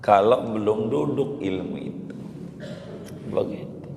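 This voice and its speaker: A hoarse man preaching, quizzing his listeners and repeating key phrases. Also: lowish voice, slow, darkish tone, slight background noise. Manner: repeats phrases, quizzes listeners, colloquial Betawi-flavored Indonesian. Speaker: Islamic preacher. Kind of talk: lecture sermon with questions to the audience. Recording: long hall reverb.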